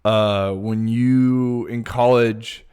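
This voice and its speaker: A man with a Californian accent talks through stories on a podcast, easygoing and drawling like a surfer. His voice sits at an ordinary middle pitch. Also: fairly even intonation, extremely slow, a little mellow, clean tone. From Bay Area, California. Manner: laid-back, drawling surfer-like delivery. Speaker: guest. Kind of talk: casual podcast chat.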